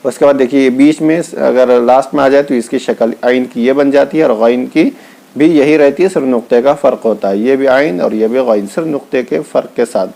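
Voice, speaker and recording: A man teaching Quran letter reading. He calls out each Arabic letter slowly and then explains patiently, with speech. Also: medium pitch, creaky, mellow. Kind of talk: slow step-by-step lesson.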